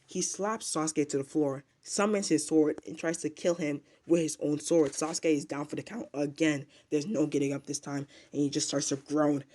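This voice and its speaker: A man's voice: fairly high pitch, fairly even intonation, moderate pace, few pauses, darkish tone. A man casually retelling a manga chapter as a reviewer, rambling with filler words and restarts.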